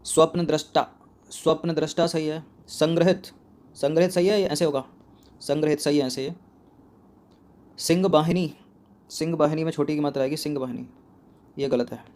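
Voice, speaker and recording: A man's voice: fairly high pitch, fairly even intonation, normal speed, long pauses, a little mellow. A male exam coach going through a spelling quiz, repeating each word and answering his own questions.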